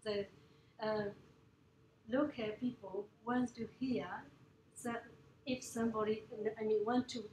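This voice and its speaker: A woman's voice: a little high, fairly even intonation, a little slow, pauses often, warm tone. A woman with a Burmese accent, a native Burmese speaker, giving a casual classroom presentation and laughing often between phrases. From Myanmar. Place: indoor room with an audience. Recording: echoey room, far from the mic, noisy.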